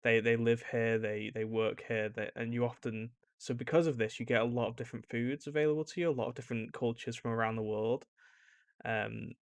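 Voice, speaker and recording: A man's voice: medium pitch, fairly even intonation, a little fast, creaky, dry recording. A British man reacting to a video in a casual, rambling way, with lots of restarts. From United Kingdom. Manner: rambling, many fillers and restarts.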